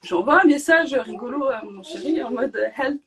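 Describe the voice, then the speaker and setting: A woman guest on a podcast, telling her own story in a lively, emotional way and often laughing between phrases. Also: high-pitched, normal speed, a crowd in the background. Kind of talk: personal storytelling.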